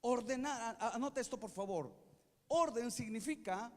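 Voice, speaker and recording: A man's voice: very high voice, normal speed. A male pastor preaching a sermon, asking the congregation to repeat after him and checking if they follow. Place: church sanctuary. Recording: long hall reverb from a church.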